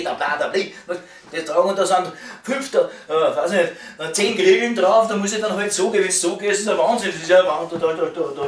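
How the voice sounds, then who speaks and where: A man in his fifties with a Viennese accent, his voice high-pitched and a bit bright, rants casually at home like a grumbling waiter venting about the job. He swears and trips over repeated words in agitation, in the style of a rambling vlog. The indoor recording has a roomy echo, a distant mic, clicks and noise.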